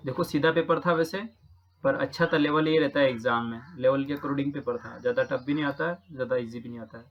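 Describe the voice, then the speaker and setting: A man's voice: mid-range voice, steady tone, a little fast, muffled recording, slight background noise. A man from Rajasthan who teaches, patiently talking through practice exam questions and repeating each answer with frequent check-ins. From Rajasthan, India.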